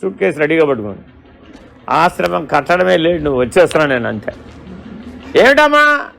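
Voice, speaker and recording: Male spiritual teacher, high-pitched and gravelly, questioning, storytelling discourse. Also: sing-song, a little fast, fairly bright tone, soft background music. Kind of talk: Vedanta discourse.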